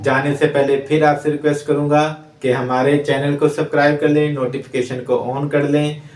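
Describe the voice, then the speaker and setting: A man teaching Quran recitation in a recorded lecture, slowly drawing out each letter sound as he demonstrates it. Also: fairly high pitch, level tone, a little mellow.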